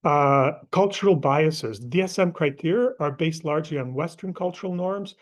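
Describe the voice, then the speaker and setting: A man's voice: on the high side, normal speed. A middle-aged man from Portugal with a Portuguese accent gives a live class lecture in a casual, conversational way, with many fillers and asides.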